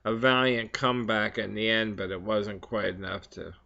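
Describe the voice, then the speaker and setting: A man in a casual, rambling solo chat, speaking haltingly between puffs on his pipe, with frequent hesitant pauses. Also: on the low side, level tone, vocal fry, sharp tone. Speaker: vlog host. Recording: slightly dull, lo-fi sound.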